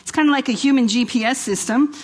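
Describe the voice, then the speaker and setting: This middle-aged woman talks fast in a high voice with a darkish tone. Invited to speak at a church women's event, the New Yorker, whose accent shows Italian and Australian traces, gives a chatty, rousing sermon to a live audience, repeating phrases and posing rhetorical questions.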